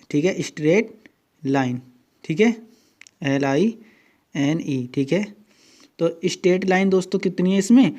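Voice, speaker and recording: Guy teaching at a whiteboard, kinda high voice, keeps checking in with the class. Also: dark tone. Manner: repeats "dosto" and "theek hai" often, spells out words slowly. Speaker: exam coaching teacher. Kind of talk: whiteboard tutorial lesson.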